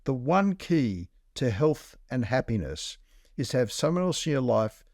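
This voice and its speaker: A man's voice: mid-range voice, very animated, unhurried, darkish tone, dry recording, clean studio sound. A man, a doctor co-hosting a health podcast, talking bluntly and walking through numbers in plain terms. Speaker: doctor co-host. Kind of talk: casual health podcast chat.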